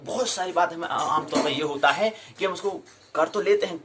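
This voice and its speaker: A man's voice: on the high side, noisy background. Man teaching Sanskrit recitation. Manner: drills recitation, repeats words slowly for practice. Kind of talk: classroom lecture.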